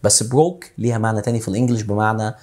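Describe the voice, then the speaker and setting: A man with an Egyptian Arabic accent teaching English casually, slowing down to repeat English phrases word by word. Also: on the low side, fairly even intonation, a little mellow. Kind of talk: casual video lesson.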